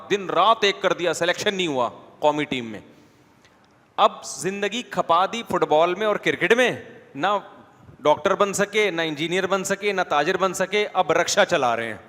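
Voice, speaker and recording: A man's voice: a little high, fairly bright tone. A man preaching an Islamic lecture in a conversational way, putting rhetorical questions to his listeners. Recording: long hall reverb.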